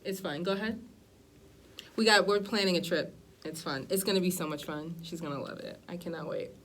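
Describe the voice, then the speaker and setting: A woman's voice: on the low side, a little fast, fairly bright tone. A woman hosting a podcast chat, asking questions and agreeing often in a supportive way. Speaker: podcast host.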